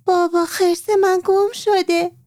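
A woman's voice: level tone, a little mellow, dry recording, clean studio sound. A woman voicing a little girl who insists she is too old for toys, speaking in a raised childish tone. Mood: alarmed. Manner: high, childish and pleading.

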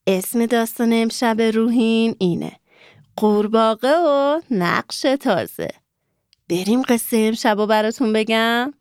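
A woman's voice: fairly high pitch, darkish tone, clear, resonant tone, no echo, studio quality. A woman telling a bedtime story to children, engaging them with questions. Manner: engaging, asks listeners questions.

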